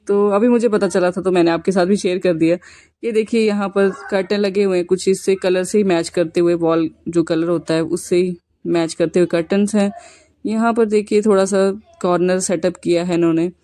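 A woman's voice: lowish voice, warm tone. A woman in her thirties, a vlogger chatting casually as she walks through a rented apartment and points out the rooms. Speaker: vlogger giving a home tour. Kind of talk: casual home tour narration.

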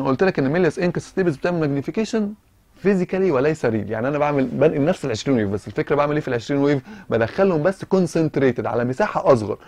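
Fast-talking Egyptian lecturer, man. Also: a little high, dry recording. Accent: Egyptian Arabic. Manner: lively, asks and answers his own questions, mixes English terms. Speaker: physiology lecturer. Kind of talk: informal medical lecture.

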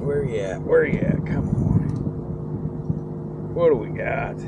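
A middle-aged man, excitedly fishing from a kayak outdoors and talking to the fish, recorded on a kayak-mounted camera. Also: medium pitch, slow pace. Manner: excitable, talks to the fish, exclaims loudly. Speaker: kayak angler. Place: kayak on open tidal water, outdoors. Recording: loud wind and water noise outdoors. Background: wind and water.

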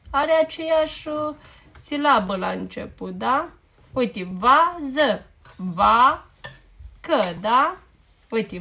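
A mother patiently helping her young child with homework, repeating words slowly and checking understanding as she goes. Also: high voice, pushed and bright. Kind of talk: casual coaching at home.

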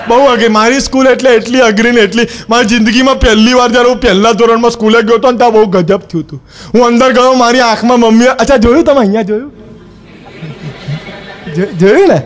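A male stand-up comedian telling a comic monologue in character as a cheeky schoolboy, acting out the other people's lines as he goes. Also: very high-pitched.

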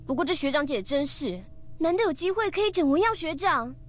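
A bossy young student in a video game who teases her friends. Her voice is high and lively, rising and falling with mocking energy. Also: normal speed. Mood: teasing. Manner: teasing, bossy.

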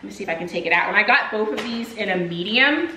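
Young female vlogger, bright upbeat chatter, casual haul talk, roomy kitchen sound. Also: medium pitch, animated, fast, slight background noise. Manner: upbeat, chatty, addresses viewers as "you guys". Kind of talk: casual haul video chat. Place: home kitchen, indoors. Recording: echoey room.

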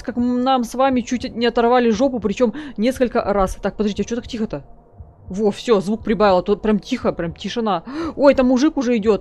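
A woman's voice: a little high, darkish tone. A woman hosting a let's play, chatting casually and joking while she talks to her viewers and to the characters on screen. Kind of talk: casual gameplay commentary.

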